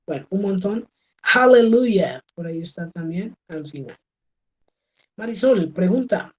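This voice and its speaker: A woman's voice: on the low side, animated, moderate pace, dark tone, low-quality recording. A woman teaching English in an online class. She explains patiently, mixes Spanish with English examples, and checks in often with "¿sí?" and "¿ok?". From Colombia. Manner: switches between Spanish and English. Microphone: video call.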